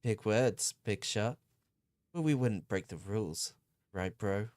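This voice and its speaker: A man's voice: lowish voice, animated, slow pace, a little mellow, no room sound, clean studio sound. A man voicing a cocky young male tag-team wrestler with a smug, taunting manner.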